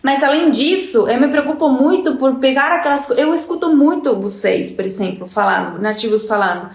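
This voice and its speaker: High-voiced Uruguayan woman teaching live. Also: lively intonation, fairly quick, vocal fry, reverberant. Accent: Uruguayan Spanish. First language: Spanish. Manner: chatty, checks in with listeners often. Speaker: Spanish teacher. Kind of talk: live-stream lesson.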